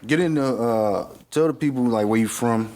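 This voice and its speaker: A man hosts a relaxed podcast chat with an ordinary mid-range voice. He asks questions casually, using slang and quick nods of agreement. A faint hiss stays under the recording. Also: medium pitch. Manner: laid-back, quick affirmations, slangy. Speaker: podcast host. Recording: faint background noise.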